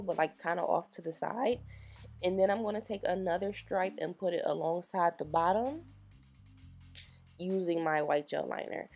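A nail technician narrates a relaxed tutorial in a lowish, rough, husky voice with a gravelly edge, raspy as if she's just woken up. She talks straight to her viewers, chatty and encouraging, while soft music plays faintly behind her.

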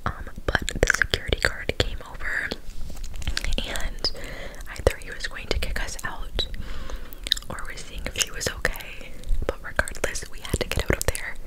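A woman in her twenties telling a casual story in a breathy, unvoiced ASMR whisper, slow and deliberate with softly repeated words, very close to the microphone. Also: poor audio. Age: 20s. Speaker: ASMR creator. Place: small bedroom, indoors. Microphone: close-up handheld condenser microphone, cupped with a hand.

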